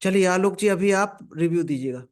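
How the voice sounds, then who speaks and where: Male trainer, fairly high voice, slow and emphatic instructional delivery, direct address to the class. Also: a little mellow. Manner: slow, emphatic delivery with drawn-out example phrases; addresses listeners directly and mixes in English terms. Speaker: communication skills trainer.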